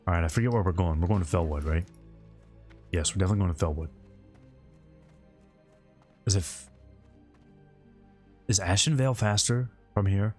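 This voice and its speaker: A man's voice: deep voice, moderate pace, pauses often, darkish tone, soft background music. A man talking informally and ramblingly as he hosts a game livestream and answers his viewers' chat. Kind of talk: casual gaming stream commentary, answering viewer chat.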